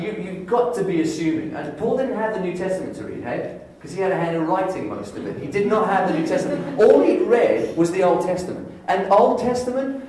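A man's voice: high-pitched, recorded from a distance. Man preaching in an echoey hall. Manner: storytelling, animated, acts out inner thoughts. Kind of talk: sermon.

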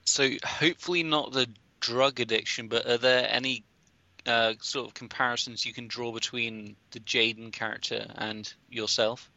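A man's voice: mid-range voice, steady tone, normal speed, gravelly, sharp tone, no room sound. A man co-hosting a podcast, asking questions in a hesitant, filler-laden way. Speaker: podcast co-host. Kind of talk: interview questions. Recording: dry lo-fi call audio.

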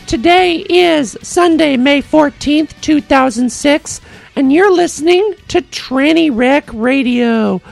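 Woman podcast host, really gravelly fry, high voice, sing-song welcoming way of talking, casual. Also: slow, faint music behind.

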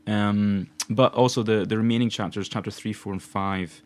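A man's voice: on the low side, fairly even intonation, normal speed, a little mellow. A Glaswegian man in his twenties, co-hosting a casual podcast chat, rambling and laughing often. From Scotland. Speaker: podcast co-host.

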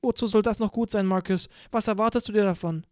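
A man voicing a shy, lovelorn teenage girl in an audiobook, speaking softly and hesitantly. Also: high voice, fairly even intonation, fast, no room sound, clean studio sound, pitched above the performer's own voice, natural voice. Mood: doubtful. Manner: soft, wistful, hesitant.

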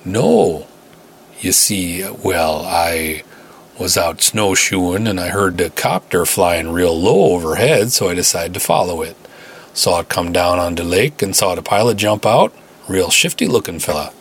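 Villain posing as a cold Minnesotan, read by a man: stammering, stretched vowels, slow. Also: sits low, a little hiss or hum. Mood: evasive, shivering. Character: villainous man faking a shivering Midwestern local.

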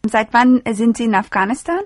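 A woman's voice: fairly high pitch, lively intonation, brisk, dry recording. A woman hosting a radio show, asking an interview guest formal, polite questions.

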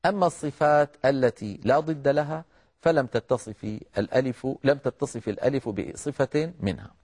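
A middle-aged man teaching the articulation of letters in a measured, explanatory lecture, addressing his listeners as brothers. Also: medium pitch, a little mellow. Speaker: Quran recitation teacher.

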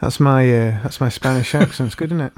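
A man's voice: mid-range voice, fast talker, a little mellow. A man with an ordinary mid-range voice co-hosts a music radio show. He keeps the banter light with dry, teasing asides.

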